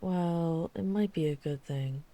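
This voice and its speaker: With a low-pitched, dark tone, a woman performs an ASMR roleplay as a vampire hunter, guarded and weary, who is a vampire too. Her delivery is measured and serious, as in audio drama acting.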